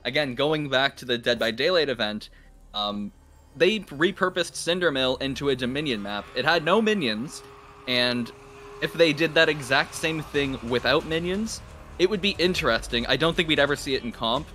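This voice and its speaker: A man's voice: medium pitch, expressive, moderate pace, sharp tone, slight background noise. A man from Canada casting a live game stream, explaining at length and laughing often. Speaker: esports caster. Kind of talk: casual live-stream commentary.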